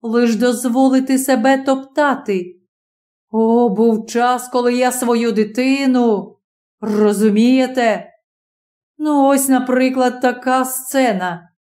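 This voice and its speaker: A woman reads a literary story aloud in a fairly high voice. Her delivery is measured and expressive, and she slows down with deliberate pauses to stress key phrases. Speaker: audiobook narrator. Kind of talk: literary audiobook reading.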